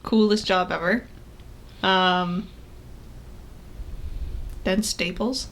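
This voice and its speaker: A woman's voice: medium pitch, steady tone, extremely slow, fairly bright tone. A woman, co-hosting a podcast in casual chat, talking in a loose, laughing way with lots of fillers. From Canada. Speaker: podcast co-host.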